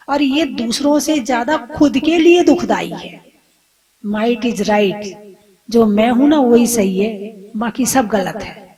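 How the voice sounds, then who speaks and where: High-voiced woman preaching conversationally. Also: darkish tone, husky. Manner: conversational, asks the audience questions; acts out scolding family members. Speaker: Jain nun giving a discourse. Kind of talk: sermon.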